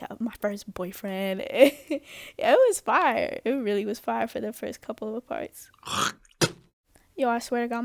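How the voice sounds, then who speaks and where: A young woman from Japan chatting casually through a get-ready-with-me story time, slangy and upbeat with quick asides. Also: fairly high pitch, no room sound. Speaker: vlogger.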